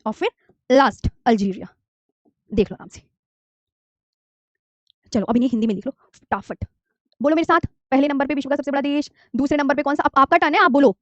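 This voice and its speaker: A high-pitched woman in her thirties teaches a geography class and calls her students dear children. She coaxes and repeats every key term, often slipping English words into her talk. The recording is dry, dull and lo-fi. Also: brisk, pauses often, no echo. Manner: coaxing, repeats key terms and asks students to say them along. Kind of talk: online geography lesson. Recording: dry, slightly dull lo-fi mic.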